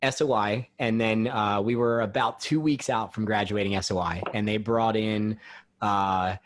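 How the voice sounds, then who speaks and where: A man with a fairly low voice hosts a relaxed podcast chat. He asks questions and tells stories in a loose, halting way, full of "uh" and "like.". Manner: easygoing, conversational, halting with fillers. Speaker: podcast host. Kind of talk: casual podcast interview.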